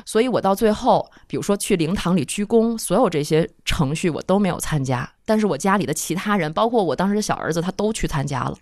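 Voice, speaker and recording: A woman in her thirties, a guest on a talk show, telling an emotional personal story in a halting, heartfelt way. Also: fairly low pitch, lively intonation, darkish tone, dry recording. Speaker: guest listener.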